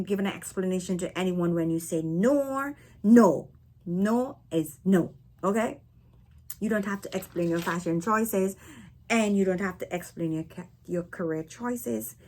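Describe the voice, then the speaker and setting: Barbadian woman, husky, chatty vlogger who tags lines with "right?". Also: medium pitch. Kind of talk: casual talk to camera. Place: living in North America.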